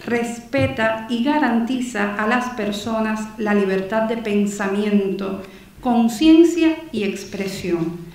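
A Cuban woman in her forties gives an earnest, measured conference talk from a panel table, partly reading aloud, with fillers and restarts. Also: a little high, recorded from a distance. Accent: Cuban Spanish. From Cuba. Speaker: conference speaker, newspaper director. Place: conference hall stage, seated at a panel table. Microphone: table microphone on a stand. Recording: echoey hall, voice from off the mic.

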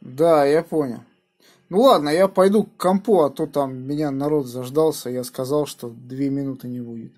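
Speaking at a moderate pace, this ham radio operator has a slightly high, somewhat mellow voice as he talks casually over the air using call signs. The recording comes from a phone held close to the radio in a small room of his home station.

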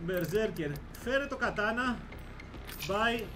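A man hosting a let's play, giving excitable gameplay commentary full of yelling, cursing and comic threats at the enemies. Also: high voice, noisy background.

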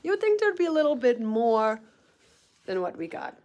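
A woman's voice: a little high, very animated, moderate pace, darkish tone. Chatty woman vlogging on a phone. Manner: chatty, mildly complaining, laughs often. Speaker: thru-hiking vlogger. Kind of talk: casual vlog talk to camera. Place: small wood-paneled motel room, indoors. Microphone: phone camera at arm's length.

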